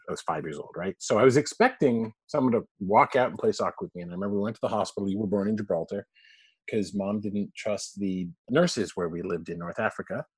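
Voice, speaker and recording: A man in his forties, born in Canada and raised abroad, is a guest in a casual storytelling interview, sharing family stories in a chatty, laughing way. His fairly low voice is slightly rough, with no echo.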